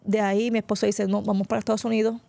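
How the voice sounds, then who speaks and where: Gravelly woman telling her testimony. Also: medium pitch, level tone, racing, mellow, no room sound. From Puerto Rico. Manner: tearful, heartfelt storytelling, often addressing the host by name. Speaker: pastor, interview guest. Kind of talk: emotional personal testimony.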